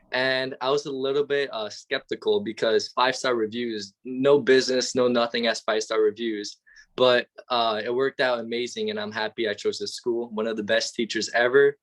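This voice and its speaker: A young man, eagerly answering interview questions as a guest over a video call. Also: medium pitch. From Albania. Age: young adult. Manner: eager, enthusiastic, talks quickly in short bursts. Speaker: guest, real estate student.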